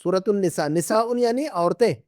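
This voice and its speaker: A man's voice: sits high, normal speed, a little mellow, no room sound, studio quality. A middle-aged man teaching an Arabic class, patiently repeating and drilling words with his students. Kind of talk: classroom lesson.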